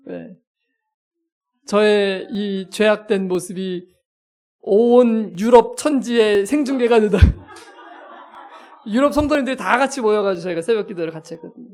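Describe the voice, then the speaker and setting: A male pastor preaching a sermon as a lively story, acting out scenes and poking fun at himself. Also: sits high, a little slow, long pauses. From South Korea. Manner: lively, self-mocking storyteller who acts out scenes.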